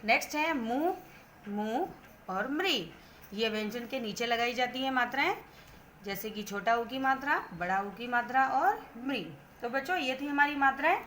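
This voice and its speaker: A woman teaches Hindi grammar to young children in an online lesson, her voice pitched a little high. She patiently breaks each word into its sounds before saying it whole. A faint background hiss sits under the recording. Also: lively intonation, moderate pace, fairly bright tone. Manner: patient, spells out words sound by sound.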